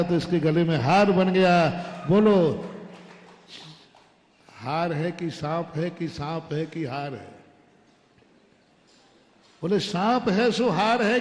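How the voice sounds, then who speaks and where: A man giving a sermon as a monk, telling stories animatedly and acting out the dialogue. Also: sits high. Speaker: Jain monk preacher. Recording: echoey hall reverb.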